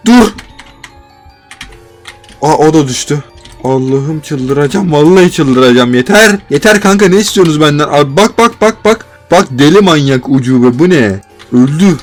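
A gaming YouTuber with a Turkish accent and a medium-pitched voice gives excitable live commentary while playing a survival game. He swings between panicked yelps and exasperated complaints.

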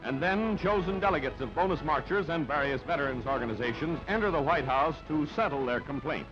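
Heard on a dull, band-limited old newsreel soundtrack with music, a man reads his script a little fast. His slightly high voice has lively intonation, and the delivery is clipped, punchy and dramatic.

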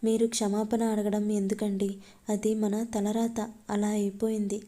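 A woman's voice: medium pitch, little pitch movement, a little slow, dark tone, close to an everyday voice. A woman reading a tearful grieving wife. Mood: sorrowful.

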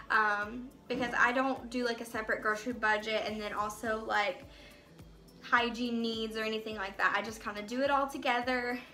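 In a casual grocery haul vlog, a young mother talks straight to the camera from her kitchen, chatting and rambling a little. She's a family vlogger with a fairly high-pitched, pushed, bright voice.

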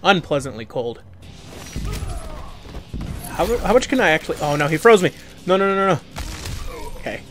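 Young male let's-player, slightly high voice, reactive and mumbly, with game music playing clearly underneath. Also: expressive, fast talker, long pauses, fairly bright tone. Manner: reactive, groans and mutters at setbacks. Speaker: let's play gamer. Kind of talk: casual gameplay commentary. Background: game music and sound effects.

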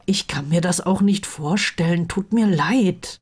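A woman's voice: on the low side, measured pace, a little mellow, slightly rough. A woman voicing a sarcastic, worried wizard boy. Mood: glum. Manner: sarcastic, dejected. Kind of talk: audiobook reading of fan fiction.

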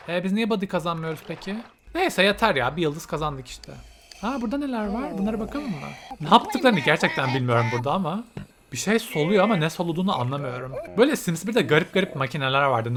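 Excitable man narrating a game. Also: a little high, fast talker, a crowd in the background. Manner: excitable, squeals and laughs at game events, mixes in English phrases. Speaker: gaming channel host. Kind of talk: let's play commentary.

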